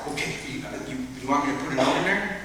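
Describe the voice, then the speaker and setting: A man's voice: on the high side, fast talker, sharp tone. Chatty, eager florist lady as a male speaker quotes her, distant, reverberant room. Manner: eager, explaining. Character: chatty, helpful woman florist. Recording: echoey hall, distant mic, ambient noise.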